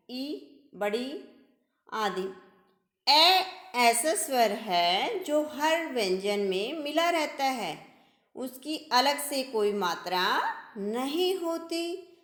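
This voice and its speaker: A woman teacher giving a slow, patient grammar lesson to young children, often addressing them as her kids. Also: high voice, fairly bright tone, reverberant. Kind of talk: primary school grammar lesson.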